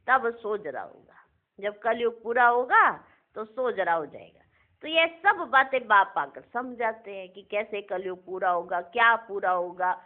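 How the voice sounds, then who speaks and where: A woman giving a devotional sermon, asking her listeners rhetorical questions and repeating key phrases. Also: fairly high pitch. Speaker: spiritual discourse reader. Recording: narrow phone-like audio.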